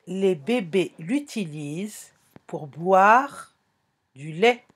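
A woman's voice: fairly low pitch, lively intonation, extremely slow, husky. A woman teaching a phonics lesson to young children, speaking patiently, repeating herself and correcting small slips.

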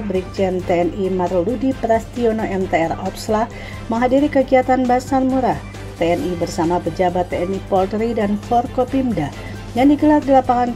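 A woman narrating a regional news report in an even, formal reading voice. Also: medium pitch. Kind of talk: scripted news voice-over.

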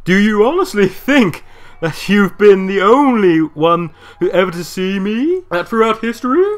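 A man voicing a sinister, smug old Santa Claus with a slow, theatrical delivery in a comic story reading. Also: high-pitched, animated. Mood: menacing, mocking.

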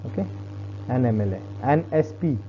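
A man teaching English grammar in a classroom-style lesson, explaining slowly and repeating each point. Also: mid-range voice, expressive, slight background noise. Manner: explains slowly, repeats points, switches between Hindi and Marathi. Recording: dull lo-fi recording.

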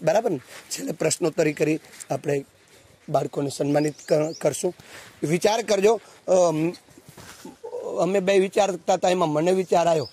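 Husky man giving a rousing talk. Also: a little high. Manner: animated, acts out dialogue and asks the audience questions; preachy, rousing. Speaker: speaker at a student values camp. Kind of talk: storytelling motivational talk.

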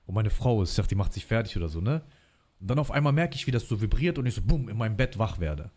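A man's voice: lowish voice, expressive, racing, a little mellow. A man talking as a guest in a casual livestream chat, telling long personal stories in slangy, chatty speech and calling the host brother.

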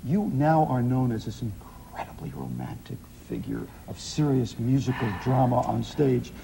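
A middle-aged American man hosting a TV talk show, chatting in a lively way. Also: mid-range voice, moderate pace, vocal fry, background noise. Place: TV studio with audience.

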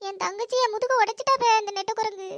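Woman voicing a sulky cartoon schoolgirl, complaining, very high pitch. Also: fairly even intonation, quick pace, a bit bright, no room sound, clean studio sound. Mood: grumbling. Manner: grumbling, complaining. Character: sulky schoolgirl who was hit by her sister.

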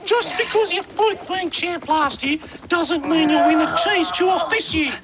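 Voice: very high voice, unhurried, over a noisy crowd. A performer voicing a cheeky, sarcastic animal who mocks a rival in a puppet show. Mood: mocking. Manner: mocking, sarcastic.

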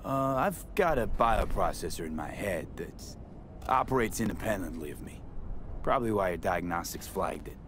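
A man's voice: low-pitched, lively intonation, normal speed. A man playing a tough, tech-savvy streetwise mercenary in a video game, terse, dry and casual. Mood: matter-of-fact. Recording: faint vehicle noise behind voice.

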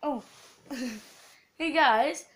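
A woman's voice: high-pitched, extremely slow. A woman with a cough, casually commentating her gameplay to viewers. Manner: chatty, talks to viewers while playing. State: has a cough. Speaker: gaming channel host.

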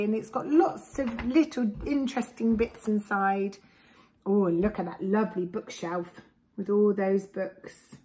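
A mid-range voice belongs to this preschool storyteller, an English-accented woman in her forties. With expressive, deliberate reading and the occasional simple aside, she shares a rhyming picture book with young children. She's in a small indoor room full of bookshelves, recorded by a camera set a short distance away.

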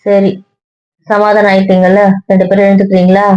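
A woman teasing her family in casual banter, sharp-tongued and mocking. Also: mid-range voice, completely flat delivery, brisk, no echo, dull audio. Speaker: wife in a family skit.

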